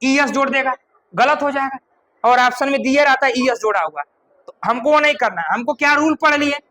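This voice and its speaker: A male teacher explains a grammar rule in small steps. His voice is high and bright. He repeats key words and keeps asking if the class has understood. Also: rough recording.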